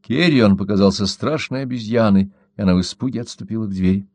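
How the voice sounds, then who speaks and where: A man's voice: fairly low pitch, fast, a little mellow, no echo. Man narrating a crime audiobook. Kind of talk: scripted narration.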